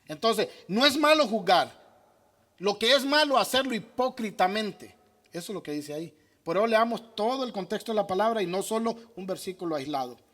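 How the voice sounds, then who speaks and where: Emphatic high-voiced pastor. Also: male voice, lively intonation, a little fast, fairly bright tone. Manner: emphatic, asks and answers his own questions. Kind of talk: sermon with audience questions.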